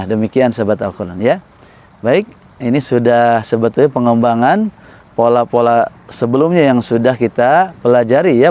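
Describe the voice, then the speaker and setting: A man teaching Quran recitation melodies, explaining slowly and patiently and chanting sung examples. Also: mid-range voice, a little mellow. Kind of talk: recitation tutorial.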